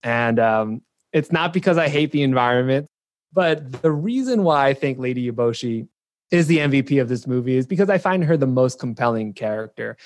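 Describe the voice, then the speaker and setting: A man's voice: mid-range voice, no echo. A man hosting a casual podcast debate, earnestly making a long argument for his pick. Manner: earnest, argues a case at length.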